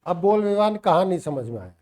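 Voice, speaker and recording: A man with a high, darkish voice swings widely in pitch and talks quickly while teaching a math class in mixed Hindi and English. He coaxes and teases students by name, some joining online, to check their understanding.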